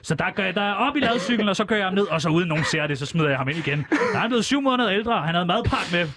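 High-voiced man telling a deadpan comic story. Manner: deadpan rambling storytelling with hesitations. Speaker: comedian playing an interview guest. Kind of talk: comic in-character radio interview.

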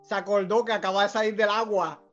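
A man with a high voice, recorded on slightly dull, lo-fi audio with faint music behind him. He breaks into a friend's story in casual chat and takes over the telling. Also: steady tone, quick pace, fairly bright tone. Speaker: podcast co-host.

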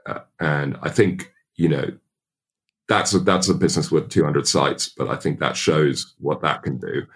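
A middle-aged man from England in casual podcast chat, talking haltingly with many restarts and fillers. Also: extremely low pitch, steady tone, breathy edge.

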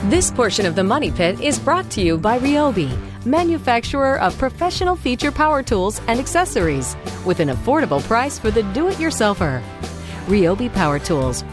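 A female announcer reads a scripted sponsor message with lively, varied intonation. Music sits clearly behind her voice. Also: fairly high pitch.

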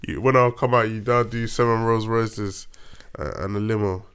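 A man's voice: on the low side, steady tone, moderate pace, fairly bright tone, clear, resonant tone. A man from East London with an East London accent, chatting casually in slang-heavy roadman talk. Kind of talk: casual chat.

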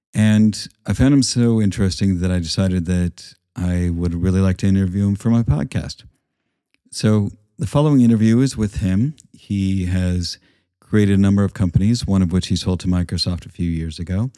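A man's voice: low-pitched, warm tone, no room sound, clean studio sound. A man hosting an interview podcast, talking in a plain-spoken, conversational way.

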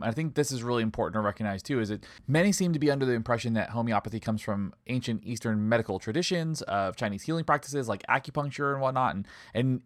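A man co-hosting a podcast in a relaxed, agreeable chat, often hedging with fillers. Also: medium pitch, dry recording, studio quality. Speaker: podcast co-host.

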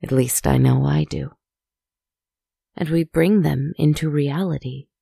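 A woman softly narrating a guided relaxation story in a hushed, soothing, spa-like manner, with deliberate, poetic phrasing. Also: low voice, steady tone, vocal fry, slightly rough, dry recording, studio quality.

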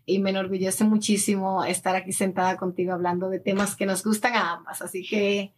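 Slight background noise sits under this interview, where a woman from the Dominican Republic in her early thirties chats at length as a guest. An influencer and addiction counselor, she tells anecdotes in Dominican-accented Spanish sprinkled with English words. She speaks a little fast, her medium-pitched voice barely shifting in pitch.

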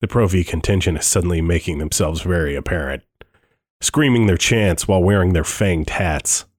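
This first-person thriller audiobook is read by a man whose voice sits fairly low. He sounds taut and quietly sardonic, as if voicing his own nervous thoughts.

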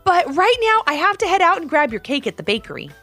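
A woman's voice: very high voice, very animated, fast, pushed and bright, soft background music, voice pushed up, exaggerated voice. A woman doing a cheerful cake-loving dad. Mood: enthusiastic.

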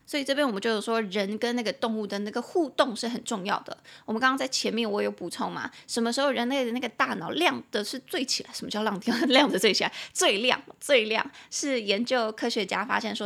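A young woman with a Taiwanese Mandarin accent teaches English vocabulary on her podcast. Her voice sits a little high and carries a gravelly edge, and she slows right down to spell words out letter by letter and repeat them for her listeners. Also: a bit bright. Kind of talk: bilingual English lesson.

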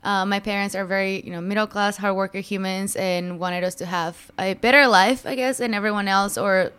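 Chatty young woman from Mexico, smooth voice. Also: mid-range voice, steady tone, brisk, fairly bright tone. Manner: chatty, filler-heavy, laughs easily. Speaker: podcast guest. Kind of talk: casual interview chat.

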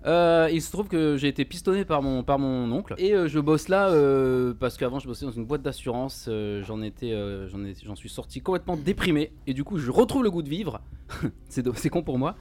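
A man's voice: mid-range voice, lively intonation, fairly quick, darkish tone, lightly acted. Man playing a rambling young bowling worker. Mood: upbeat. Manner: rambling, stumbling. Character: cheerful 22-year-old bowling alley worker. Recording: faint music behind.

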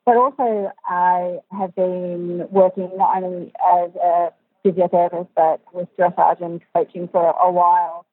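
A woman's voice: on the low side, level tone, measured pace, breathy edge, dry recording. Woman on a poor, tinny phone line. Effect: poor quality, phone-like audio. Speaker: interview guest, dressage coach and physiotherapist. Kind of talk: casual interview answers.

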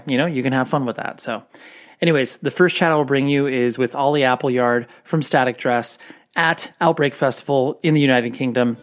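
A man introducing a podcast in an informal, off-the-cuff way. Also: mid-range voice. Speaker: podcast host.

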